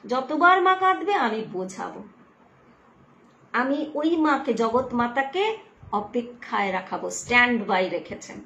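A woman's voice: a little high, expressive, measured pace, sharp tone. A middle-aged woman giving a devotional talk, telling stories earnestly and acting out heartfelt prayers. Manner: earnest, emotive storytelling with prayerful quoted pleas. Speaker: devotional speaker. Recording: roomy echo with faint background noise.

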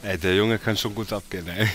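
A man's voice: lowish voice, fairly even intonation, a little fast, fairly bright tone, faint music behind. A young man hosting a clip compilation with casual, amused commentary.

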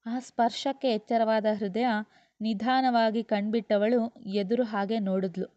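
A woman narrating a serialized novel aloud in a steady storytelling manner, in a dull lo-fi recording. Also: fairly high pitch, measured pace, dry recording.

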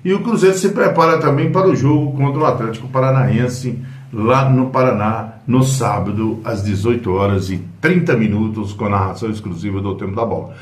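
A man's voice: on the low side, a little fast, far from the mic. Rambling Brazilian man in an echoey room. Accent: Brazilian Portuguese. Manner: rambling, many fillers and self-corrections. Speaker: football news host. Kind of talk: casual football news commentary. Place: small room at home. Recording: roomy echo, voice a bit off-mic.

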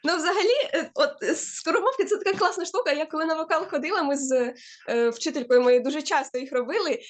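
A woman's voice: high-pitched, fast talker. A woman with a Ukrainian accent, a student in a diction class, chatty and laughing easily. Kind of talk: class participation, reading aloud.

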